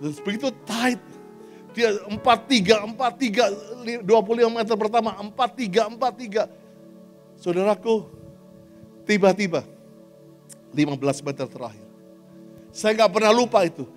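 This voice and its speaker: A male pastor telling a story in a sermon, animated, swinging between shouts and hushed lines and mixing English phrases into his speech. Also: high voice, moderate pace, long pauses, soft background music.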